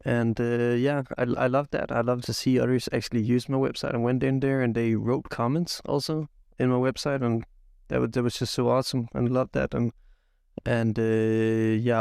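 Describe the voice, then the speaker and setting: A young man who grew up in Belgium, co-hosting a casual podcast as a software engineer, talking haltingly with many fillers but with enthusiasm. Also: mid-range voice, flat delivery, gravelly, clear, resonant tone, dry recording, studio quality. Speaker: podcast co-host.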